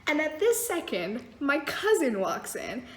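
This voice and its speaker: High-voiced young woman in an echoey room. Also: a little slow. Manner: animated, blunt, swears freely. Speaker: vlogger. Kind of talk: casual storytelling.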